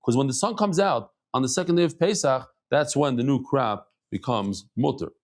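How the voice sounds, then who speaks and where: In a lively, chatty daily Talmud class, a middle-aged man teaches casually and mixes in Hebrew and Yiddish terms. His voice is medium in pitch and his pace is normal.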